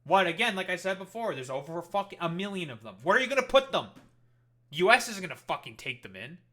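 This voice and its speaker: Guy on stream ranting at clips, swears nonstop, high bright voice that swings all over. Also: big pitch swings, fast. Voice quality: heated, sarcastic, swears constantly. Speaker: streamer reacting to videos. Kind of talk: profane rant commentary.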